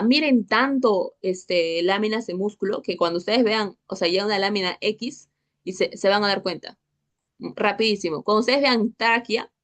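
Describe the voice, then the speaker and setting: Young female tutor, chatty, keeps asking "ok?", mid pitch. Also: a bit bright. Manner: chatty, checks in with constant "¿ok?" and "¿listo?". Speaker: histology tutor. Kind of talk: online class lecture.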